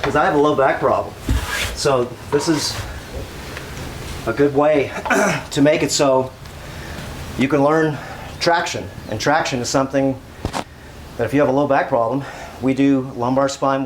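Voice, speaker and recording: A workout host with a mid-range male voice speaks at a moderate pace, casually rambling through an exercise demonstration, giving instructions as he goes and repeating himself. Noticeable ambient noise fills the background.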